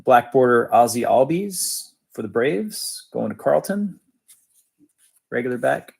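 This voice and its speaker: Male card-break host, slow and gravelly, casual and matter-of-fact, short clipped phrases. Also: mid-range voice, lively intonation. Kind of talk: casual live commentary, reading out cards.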